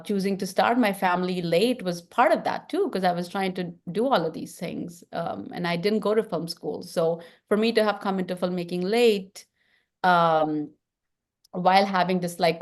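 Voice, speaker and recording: A middle-aged woman with an Indian accent, a film director talking earnestly in an interview and thinking aloud with frequent restarts. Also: on the low side. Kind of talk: reflective interview talk.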